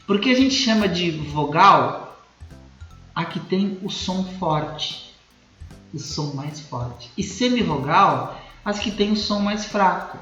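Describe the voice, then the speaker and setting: Professor brasileiro de voz aguda e animada. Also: male voice, sits high, expressive, slow, pushed and bright. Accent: Brazilian Portuguese. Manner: explanatory, checks in with the class often. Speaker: teacher. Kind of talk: recorded grammar lesson. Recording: muffled, roomy echo, faint music.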